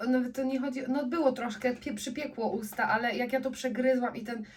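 A woman's voice: sits high, steady tone, fairly quick, a little mellow, slight background noise. A woman co-hosting a food vlog, chatting casually and reacting bluntly as she tastes spicy food. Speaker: vlog co-host. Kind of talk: casual food-tasting chat. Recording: slightly distant microphone.

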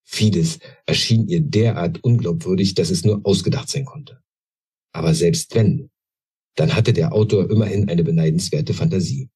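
A man, an author, reading aloud from his own novel in a measured, deliberate way, then talking about his characters. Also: sits low, warm tone, slightly rough.

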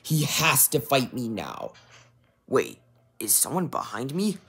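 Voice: medium pitch, huge pitch swings, slow, creaky, fairly bright tone, breathy edge, heavily acted. A young fan voicing a jumpy masked knight who yelps and stammers when startled. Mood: panicked.

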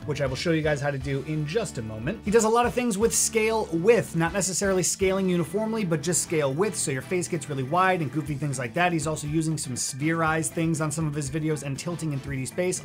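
A man hosting a casual video-editing tutorial, upbeat, chatty and direct. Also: on the high side. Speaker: host.

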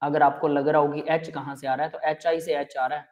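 A man's voice: on the high side, little pitch movement, brisk, darkish tone. A male chemistry teacher explaining reactions step by step in a live online class, often checking if students have understood. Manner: explains step by step, keeps asking students if it is clear; addresses students as beta and bhai.

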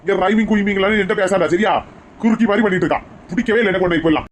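A man's voice: sits high, rapid-fire, a little hiss or hum. A man with a Kanyakumari Tamil accent playing a quarrelsome husband in a comic skit, scolding and arguing. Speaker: comedy skit actor.

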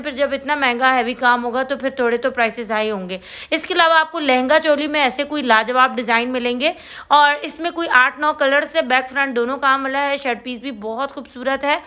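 A woman with a Karachi Urdu accent narrates a market shopping tour, her voice high-pitched and bright. She talks in a chatty, eager way, reeling off prices as she goes. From Pakistan. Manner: chatty, enthusiastic, listing prices. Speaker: shopping vlogger.

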